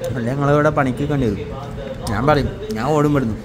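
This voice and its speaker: This food vlogger is a fast-talking man with a mid-range voice and a Malayali accent, speaking casual, teasing Malayalam sprinkled with English. It's captured on a handheld phone in a busy restaurant full of background chatter.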